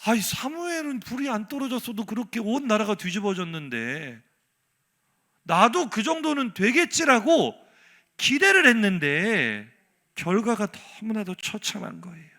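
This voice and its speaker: A man's voice: high-pitched, big pitch swings, moderate pace, bright, forceful tone. A male pastor delivering a Sunday sermon in a church, asking the congregation rhetorical questions and having them repeat phrases after him. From South Korea. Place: church sanctuary.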